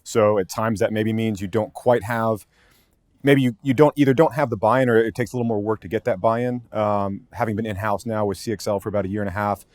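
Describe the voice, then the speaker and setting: A man talks quickly in a fairly low voice, working through his thoughts as he goes with frequent restarts and hedges. He is a podcast guest speaking casually from an office, and the sound is dry and close with no room echo. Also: fairly even intonation, a little mellow. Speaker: content marketing lead, podcast guest. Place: office with many desks.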